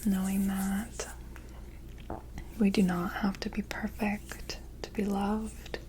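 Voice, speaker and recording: An airy, breathy woman whispers slowly over faint ambient noise. It is a whispered role-play of a mystical energy healer, gentle and soothing. Her delivery stays very even and unhurried. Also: mid-range voice, low-quality recording. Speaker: ASMR reiki energy healer.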